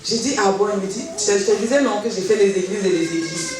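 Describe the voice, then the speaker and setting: A woman's voice: medium pitch, fast talker, crowd noise. Woman testifying in an echoey church. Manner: lively storytelling, acting out reported dialogue. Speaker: church member giving testimony. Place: church hall. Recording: echoey hall from far off, faint noise.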